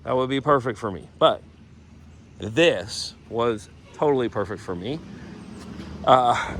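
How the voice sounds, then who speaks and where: A man giving a casual walkaround of a vehicle he is giving away. He rambles, loses his train of thought and slips into a playful infomercial-style sales pitch. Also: lively intonation, slow pace, fairly bright tone, a little hiss or hum. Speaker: vlogger showing a vehicle giveaway.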